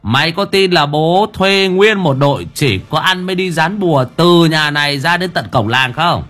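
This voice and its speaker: A man's voice: fairly high pitch, expressive, moderate pace, a bit bright, faint music behind, voice pushed up. A man playing a boastful, crude old exorcist who talks with swaggering threats. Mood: cocky bragging.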